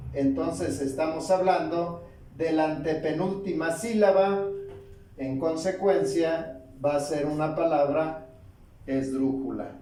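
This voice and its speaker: A man teaching a spelling lesson, explaining slowly and deliberately in short phrases. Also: a little high, darkish tone, slight background noise. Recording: very echoey room, mic at a distance.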